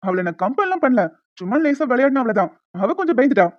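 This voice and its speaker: A woman's voice: high-pitched, very animated, quick pace, no room sound. A woman voicing a smug, scheming young man who taunts and teases in a cartoon. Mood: evasive. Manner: taunting, teasing. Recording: dull lo-fi with music behind.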